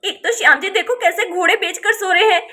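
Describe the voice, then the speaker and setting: A frantic village mother, voiced by a woman in a doll story, calling out and pleading on the edge of tears. Her voice sits very high and sounds bright and sharp. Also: a little fast. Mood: panicked.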